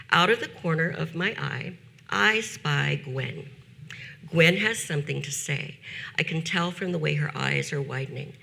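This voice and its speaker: An American teacher in her fifties gives a prepared conference talk, measured and deliberate, slowing down to emphasize key phrases. Her voice is low and sharp-toned, with vocal fry.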